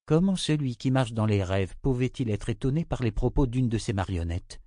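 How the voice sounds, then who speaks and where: A man narrating an audiobook in a steady, even reading voice. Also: medium pitch, moderate pace, dry recording, studio quality.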